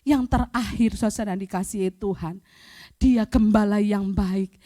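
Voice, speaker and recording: A middle-aged woman pastor giving a fervent sermon, often rising to loud, emphatic cries. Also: mid-range voice, unhurried. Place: church, streamed online.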